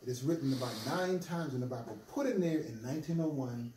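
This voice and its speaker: A man's voice: mid-range voice, expressive, quick pace, noisy background. A man leading a casual group discussion, explaining at length and laughing often. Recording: echoey room, mic far off, crowd.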